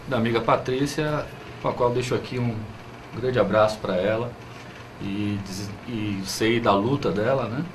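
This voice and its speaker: A man from Bahia with a Brazilian accent answers questions as a guest in a political interview. He speaks at a moderate pace in a mid-range voice, using hesitant phrases and frequent tag questions, with clear background noise in the recording.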